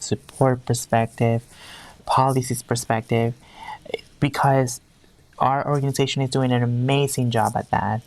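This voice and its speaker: A Peruvian HR executive appears as a guest in a conversational interview, speaking earnestly and often restarting sentences while searching for words. Her voice is bass-low and a little mellow.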